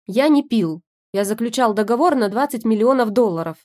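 Woman reading sarcastic husband in wife's body, blunt, mocking, loud, audiobook. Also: a little high, expressive, fairly quick, close to an everyday voice.

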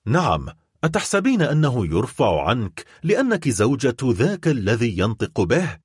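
A man's voice: medium pitch, sing-song, husky, no echo, studio quality. A man playing a stern, cold prosecutor. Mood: accusing. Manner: grave, accusing, measured. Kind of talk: audiobook character voice.

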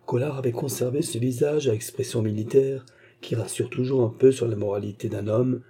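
A man narrating a classic novel in a steady, measured audiobook reading. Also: medium pitch, slightly rough.

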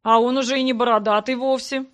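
A woman's voice: on the high side, steady tone, quick pace, fairly bright tone, close to an everyday voice. A woman reading the part of a teasing young man, the heroine's brother, in a mocking, grumbling tone.

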